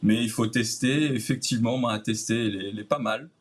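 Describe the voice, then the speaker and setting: A man from Réunion with a Réunionese French accent, a guest chatting casually and enthusiastically about food in a relaxed, rambling way. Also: mid-range voice, brisk. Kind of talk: casual interview chat.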